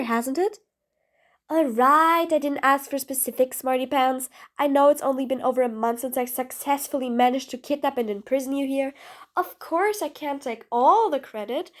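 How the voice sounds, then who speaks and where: A woman's voice: high voice, moderate pace, lightly acted. A woman playing a sarcastic, bossy supervillain. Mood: smug. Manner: sarcastic and bossy, with taunting nicknames. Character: sarcastic, exasperated female supervillain jailer. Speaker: voice actress. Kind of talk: audio role-play drama.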